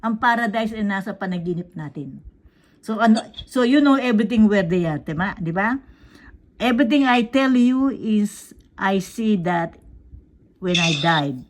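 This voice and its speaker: A woman's voice: medium pitch, lively intonation, a little slow, pauses often. Woman telling a child a story. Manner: quizzing, checks in with "tama?" after each point. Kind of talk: casual storytelling in mixed Tagalog and English.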